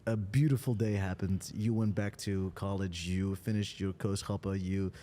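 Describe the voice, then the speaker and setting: A fired-up podcast host from the Netherlands delivers hyped motivational chat, emphatic and swearing for emphasis. His voice is low and dark with fairly even intonation at a moderate pace, and there's long reverb on it.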